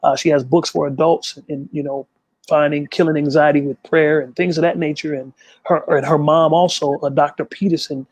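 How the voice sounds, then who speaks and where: A man, a gospel artist, telling an interviewer about his past in a quick, emphatic way and acting out the voices of people he quotes. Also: on the high side, steady tone, dry recording. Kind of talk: candid storytelling.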